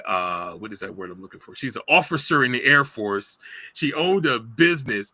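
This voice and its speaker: A middle-aged man talks like a podcast guest, animated and emotional, often restarting his sentences and acting out quotes. His voice is bright and forceful, and it is recorded dry and close with little room sound. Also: on the low side, no echo, poor audio. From United States. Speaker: podcast guest, business founder. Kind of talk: casual storytelling interview.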